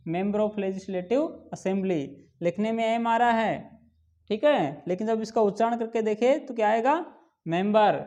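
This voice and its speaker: A man with a warm, mellow voice teaches a grammar lesson. He asks his students questions and answers them himself, stretching out each example word slowly and stressing the key points. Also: sits high. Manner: drawn-out slow pronunciation of examples. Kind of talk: classroom lesson explaining English grammar.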